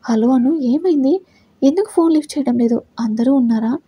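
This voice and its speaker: A woman's voice: high-pitched, brisk, slightly rough, dull audio. Woman reading as a worried young husband. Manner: anxious, pleading questions.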